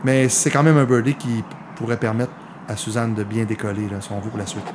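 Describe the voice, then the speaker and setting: A man's voice: fairly low pitch, a little fast, background noise. A man with a Quebec French accent giving live golf commentary on a mini-golf match, explaining the play to viewers.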